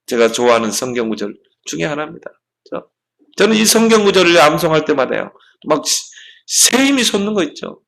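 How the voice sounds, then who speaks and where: A man preaches a sermon as a pastor, his voice pitched high and ringing bright. He drives each point home with rhetorical questions. When he recites scripture, he slows down to deliver it deliberately. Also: very animated, gravelly, poor audio.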